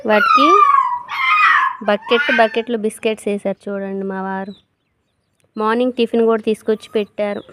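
A woman's voice: medium pitch, fairly even intonation, a little fast, long pauses. Woman chatting to her viewers outside on a farm, lots of background noise, birds around. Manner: chatty, addresses viewers directly. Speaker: vlogger. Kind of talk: casual vlog narration. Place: outdoors on a farm field by a well. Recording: clear outdoor noise.

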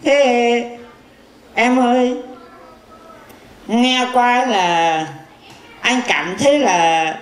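A woman's voice: on the high side, extremely slow, long pauses. Stage comedy: a woman doing a bragging blind fortune-teller man, mocking tongue, echoey hall. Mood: teasing. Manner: chatty, mocking, full of teasing insults. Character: boastful blind male fortune teller, cheeky.

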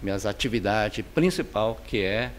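Chinese-accented man, unhurried and halting. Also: on the low side, slight background noise. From China. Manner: unhurried, many fillers and restarts. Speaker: painter and architect interviewee. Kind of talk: interview answers. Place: home studio with paintings, indoors. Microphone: handheld interviewer's mic.

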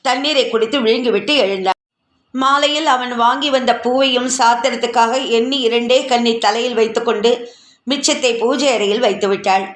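A woman reading a short story aloud in steady narration, heard in a roomy recording. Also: on the high side, normal speed. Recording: roomy echo.

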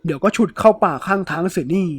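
A man's voice: on the high side, moderate pace, natural voice. A man voicing a greedy, crude male thief who blusters and sweet-talks. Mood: angry, blustering. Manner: loud, blustering, crude speech.

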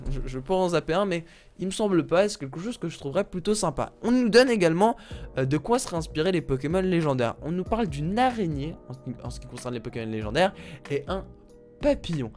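A young man with a fairly high voice talks casually to his viewers, stumbling over repeated words and filling pauses as he goes. Faint background music plays under his voice. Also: very animated, darkish tone. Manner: rambling, many fillers and repeated words. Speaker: gaming YouTuber. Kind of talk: casual video commentary.

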